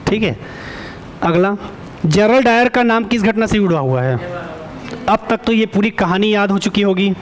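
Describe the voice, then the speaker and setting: Speaking in a high-pitched voice, a man teaches an online exam-prep class. He keeps putting questions to the students, breaks often for a quick "okay," and self-corrects as he talks.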